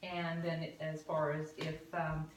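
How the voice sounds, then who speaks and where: A woman's voice: deep voice, completely flat delivery, slow. A woman playing a friendly, informal clinic nurse in an acted medical training scenario. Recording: echoey, noisy room, distant mic.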